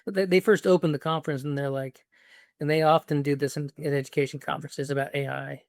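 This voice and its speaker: A man hosting a casual conversation, telling stories in an animated way and laughing easily. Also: fairly high pitch, vocal fry, no room sound, clean studio sound. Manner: animated storyteller, quick to laugh. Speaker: host.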